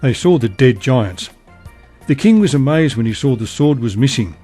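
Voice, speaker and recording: A man narrating a bedtime story in a calm, even reading voice. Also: medium pitch, normal speed, faint music behind.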